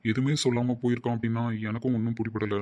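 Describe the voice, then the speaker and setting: A man's voice: medium pitch, level tone, rapid-fire, warm tone, a little hiss or hum, natural voice. A man voicing a stern middle-aged father who scolds his absent son.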